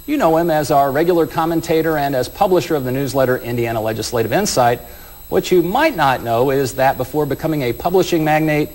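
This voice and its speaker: A man's voice: medium pitch, a little mellow. A man with a scratchy voice, hosting and moderating a public affairs roundtable with conversational follow-up questions. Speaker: public affairs show host.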